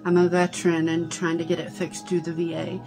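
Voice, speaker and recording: A woman's voice: lowish voice, completely flat delivery, brisk, warm tone, faint music behind. A middle-aged woman speaks through a cloth face mask, giving a casual, conversational instructional talk as a teacher, often checking in with her listeners. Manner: conversational, explains with everyday comparisons and frequent check-in tags. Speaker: psychic medium and teacher. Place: small indoor room.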